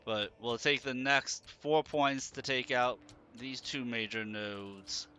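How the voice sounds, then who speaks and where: A man's voice: mid-range voice, fairly even intonation, takes it slowly, bright, forceful tone, clear, resonant tone. A man doing live gaming commentary as a stream host, thinking aloud. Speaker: livestream gamer host.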